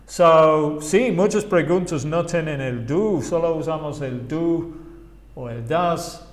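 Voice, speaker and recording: A man's voice: a little high, slow. A man teaching English in an online group class, stretching out model phrases so students can repeat after him. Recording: echoey room with long reverb.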